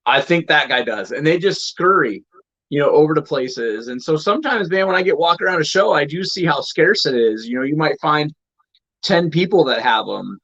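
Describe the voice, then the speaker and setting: A man who breeds reptiles, a guest, chatting in a relaxed way and often saying "man". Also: a little high, moderate pace, gravelly, highs cut off. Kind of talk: casual chat.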